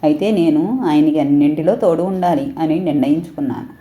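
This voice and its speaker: A woman narrating an audio story in the first person, reading in a gentle, measured way. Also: deep voice.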